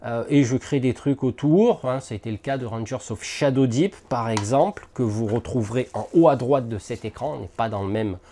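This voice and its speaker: A man's voice: mid-range voice, normal speed, few pauses, dark tone. A man hosting a miniatures hobby channel, casually unboxing and thinking aloud to the camera with lots of hesitant fillers.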